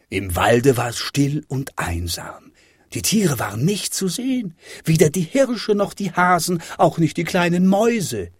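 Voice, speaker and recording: A man reading a children's fairy tale aloud with expressive, dramatic delivery. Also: a little high, husky, no room sound, studio quality. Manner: lively, dramatic rises and falls. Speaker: storyteller.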